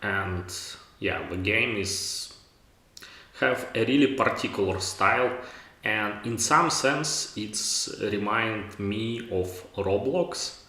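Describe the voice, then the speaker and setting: Casting: male live streamer, lowish creaky voice, hesitant non-native phrasing, casual thinking-aloud commentary. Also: slow pace, bright, forceful tone. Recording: roomy echo with music behind. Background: game music.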